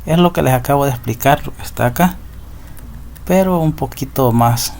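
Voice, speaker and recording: Gravelly-voiced male Spanish teacher. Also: medium pitch, normal speed, a little mellow, slight background noise. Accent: Central American Spanish. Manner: patient, repeats rules and asks ¿verdad?. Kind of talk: recorded lesson explaining slides.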